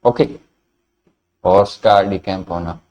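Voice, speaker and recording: A man's voice: sits low, a little slow, a little mellow, lo-fi sound, a little hiss or hum. A man with a Hindi accent teaching English vocabulary in a classroom lecture, repeating each word and answering his own questions.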